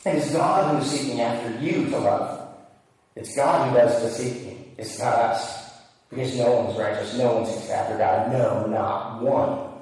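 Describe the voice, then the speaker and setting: A man's voice: mid-range voice, measured pace, darkish tone. A man preaching to his congregation in an earnest, emphatic voice, pressing his points with rhetorical questions. The sound is heavily echoey, like a large church hall, and he is some distance from the mic. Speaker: pastor. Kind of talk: sermon.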